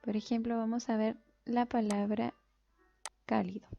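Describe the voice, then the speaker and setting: A woman teacher giving a recorded lesson, explaining step by step in a patient way and slowly stretching out example words. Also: fairly high pitch. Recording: dull lo-fi sound with faint music.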